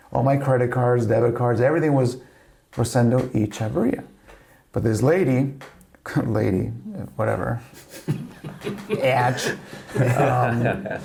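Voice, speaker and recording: This man's voice is medium-pitched, gravelly and mellow, carrying a slight Spanish accent. Middle-aged and from Spain, he's a family podcast guest whose casual, rambling family stories are full of "you know."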